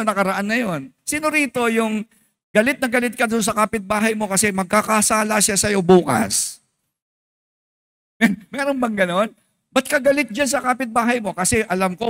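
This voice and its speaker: A male pastor with a Filipino accent preaching a sermon, switching between Tagalog and English and calling out questions to the congregation. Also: high voice. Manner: emphatic, animated preaching.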